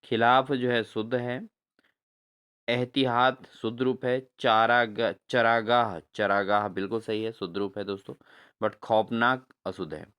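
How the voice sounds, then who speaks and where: A man teaching a spelling lesson for exams, repeating each answer back to his viewers and spelling words out slowly syllable by syllable. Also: mid-range voice, fairly even intonation, fairly bright tone, clean tone. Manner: repeats answers as questions to viewers, addresses them as friends. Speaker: exam-prep teacher. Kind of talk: spelling lesson for exam prep.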